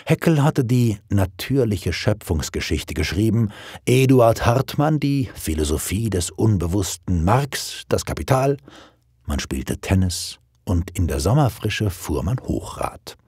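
Male narrator, deep and husky, expressive storytelling, dry. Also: dry recording. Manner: expressive, old-fashioned storytelling. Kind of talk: scripted narration.

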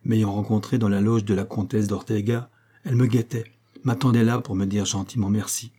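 A man's voice: lowish voice, little pitch movement, a little fast, warm tone, slightly rough. A man reading the part of an anxious, loyal male government aide in an audiobook, speaking earnestly.

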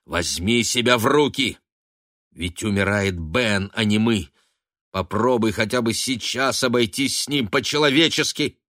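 A man's voice: on the low side, measured pace, dry recording, clean studio sound. A man voicing an exasperated young man who sharply scolds his father, in an audiobook reading. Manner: shouting, sharp.

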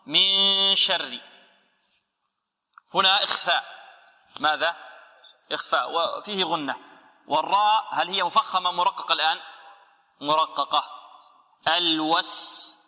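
A man with a very bright, somewhat high voice teaches the rules of recitation. He explains each rule, asks his listeners a question and answers it himself, then draws out chanted verses to show it. A long hall reverb rings behind him on this radio broadcast. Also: normal speed, pauses often. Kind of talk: tajweed lesson with chanted examples.

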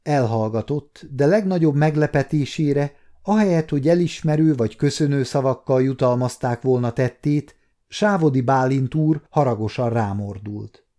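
A man in his fifties calmly narrating an audiobook. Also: mid-range voice. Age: 50s. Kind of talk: scripted narration.

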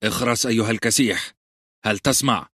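A man's voice: lowish voice, brisk, sharp tone, breathy edge, dry recording, pitched above the performer's own voice. A brutal bald outlaw, as a male reader puts him on, who snarls harsh threats. The voice is raised well above the narrator's own. The reading is dry and close. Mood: menacing.

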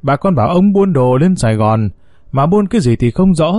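A man's voice: a little high, lively intonation, moderate pace, a little mellow, no echo, clean studio sound, lightly acted. A man doing a chatty middle-aged boatman.

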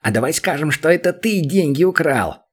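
A man's voice: fairly high pitch, animated, moderate pace, breathy edge, voice pushed up. A man voicing a small, rude male goblin guild master who whines and pleads, in an audiobook. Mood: whiny, pleading.

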